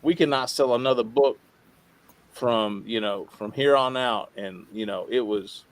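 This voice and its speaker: Man in halting, casual interview talk. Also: mid-range voice. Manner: halting, rambling, repeats himself, informal swearing. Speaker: podcast guest, radio show co-host.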